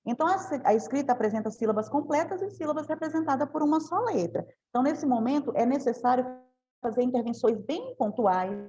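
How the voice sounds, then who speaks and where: A woman's voice: high voice, animated, quick pace, mellow, dull audio. A woman giving a teacher training talk, explaining step by step and often adding tag questions.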